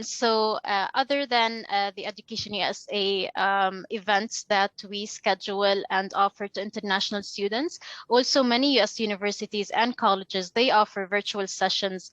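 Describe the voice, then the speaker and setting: A woman advisor giving a webinar presentation, steady and full of small fillers. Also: medium pitch, no room sound. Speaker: education advisor. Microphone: video call.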